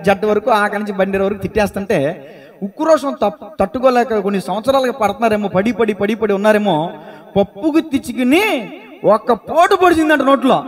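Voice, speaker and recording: A male pastor preaching a sermon in church, telling stories and calling on the congregation to answer aloud. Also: high-pitched. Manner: lively storytelling, calls on listeners to answer aloud.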